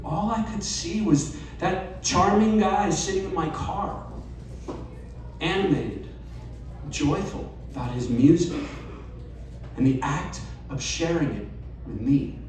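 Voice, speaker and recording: Recorded from a distance and off-mic, a man with a slightly high, darkish voice reads his personal essay before a live audience at a bar or event venue. He delivers it slowly and measuredly, adding wry asides, while the very echoey room brings faint ambience plus a little hiss or hum.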